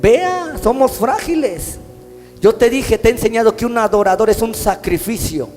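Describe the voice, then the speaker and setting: A Mexican man preaching a sermon as pastor, impassioned, his phrases swelling into sung, drawn-out lines. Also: high-pitched, a little mellow. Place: church hall. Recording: long church-hall reverb with faint instrumental music.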